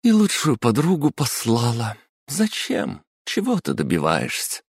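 A man reads as a tearful, capricious young woman, pitched far above his own dry, gravelly voice. She sobs and pleads loudly with remorse, all in the voice of a storybook reading. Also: wildly swooping pitch, measured pace, no room sound, exaggerated voice. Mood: self-scolding. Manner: high, loud, emotional. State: crying.

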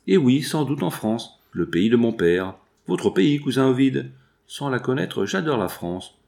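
A man's voice: mid-range voice, very animated, a little slow, vocal fry, darkish tone, pitched above the performer's own voice. A man reading aloud and voicing a willful, impetuous eighteen-year-old girl who pleads insistently.

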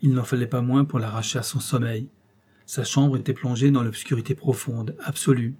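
A man reading an old adventure novel aloud as an audiobook narrator, in dramatic, measured phrases. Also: mid-range voice, fairly even intonation, mellow, slight background noise.

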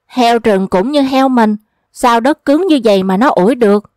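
A naive, gullible rich young man from a folk tale, asking question after question, as a woman narrator puts him on. The voice sits fairly high, recorded dry and close to the mic. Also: moderate pace, darkish tone, dry recording, close to an everyday voice. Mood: curious.

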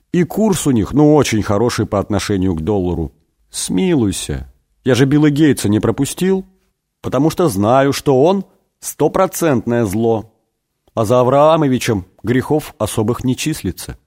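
A man's voice: mid-range voice, very animated, moderate pace, a little mellow, pitched above the performer's own voice. A man voicing Judas as a sheepish, money-loving figure who pleads and whines. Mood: pleading. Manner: whiny, pleading.

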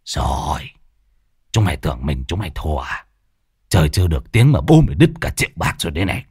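A man doing a gruff old cursing gambler. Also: low-pitched, very animated, fairly quick, no echo, clean studio sound, voice pushed down, full character voice. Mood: grumbling angry. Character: grumpy old male gambler, foul-mouthed, bitter.

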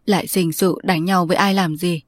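A woman's voice: lowish voice, steady tone, normal speed, no room sound, lightly acted. Woman doing a tearful, pleading old aunt. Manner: pleading, anxious.

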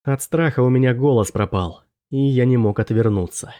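In a steady, measured way, a medium-pitched male narrator tells a fantasy audiobook story in the first person.

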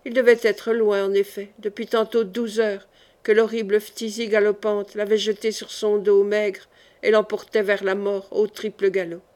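A woman reading a novel aloud as an audiobook narrator, measured and gentle. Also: mid-range voice, little pitch movement. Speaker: audiobook reader.

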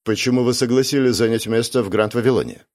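A man's voice: mid-range voice, fast talker, a little mellow, lightly acted. A man voicing a cold, stern young woman. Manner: cold, clipped questioning.

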